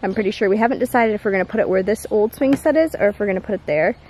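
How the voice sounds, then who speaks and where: A woman's voice: mid-range voice, racing, a little mellow, slight background noise. A young woman in her twenties, a stay-at-home mom, narrating her day casually to a handheld camera at home. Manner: chatty, matter-of-fact, talks to her children in between. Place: home, backyard and kitchen. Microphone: handheld camera mic.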